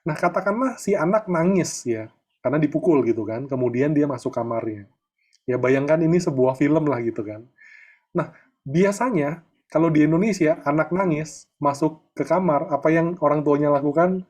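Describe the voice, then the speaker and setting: A middle-aged man coaching a group in a relaxed, chatty way, often tagging his sentences with little fillers. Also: a little high, moderate pace. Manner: chatty, peppers talk with filler tags. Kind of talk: casual online coaching talk.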